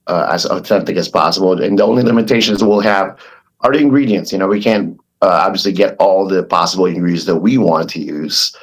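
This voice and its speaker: Man, low pitch, husky, earnest podcast guest, restaurant founder. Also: a little fast. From Philippines. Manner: earnest, with frequent restarts and fillers. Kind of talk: casual podcast interview.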